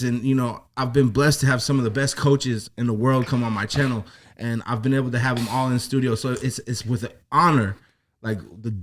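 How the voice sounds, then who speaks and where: A man's voice: medium pitch, fairly bright tone, slight background noise. A man hosting a podcast interview, talking eagerly with lots of restarts and fillers. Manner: enthusiastic, many restarts. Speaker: podcast host. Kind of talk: casual interview.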